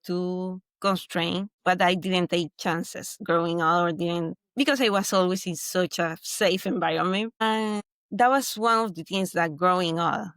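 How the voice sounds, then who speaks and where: A woman's voice: on the low side, a little slow, a bit bright, no room sound. Venezuelan woman guest, earnest and reflective. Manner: earnest, reflective, with frequent restarts. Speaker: mindset coach guest. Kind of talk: interview conversation.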